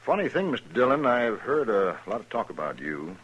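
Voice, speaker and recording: Smirking outlaw gunman, very low husky voice, slow mocking drawl. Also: big pitch swings, fairly bright tone, highs cut off, exaggerated voice. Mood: taunting. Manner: smooth, taunting, drawling. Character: cocky smirking male gunslinger, menacing. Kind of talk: 1950s radio drama acting.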